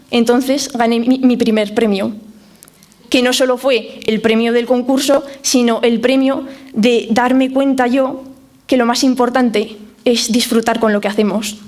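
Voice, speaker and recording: A young adult woman, a professional harpist with a Spain Spanish accent, giving a talk to families and explaining things with lively spoken examples. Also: a little high.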